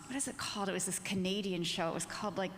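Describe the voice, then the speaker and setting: Speaking rapid-fire over a noisy crowd, a woman with a medium-pitched, fairly even voice talks as an author and journalist on a panel. Her manner is earnest, informal and conversational. The large festival venue reverberates, leaving the recording echoey with a long reverb tail.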